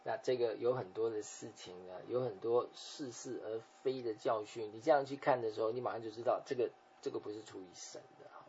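Male pastor, mid-pitched, gravelly and husky, explanatory sermon delivery, on a dull lo-fi recording. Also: a little fast, hardly any pauses, a little hiss or hum. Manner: explanatory, with frequent softening tag particles.

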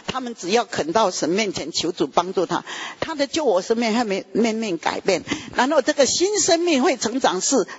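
A man preaching an emotional testimony sermon, his pitch jumping high as he tells it. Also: husky. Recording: dull lo-fi recording.

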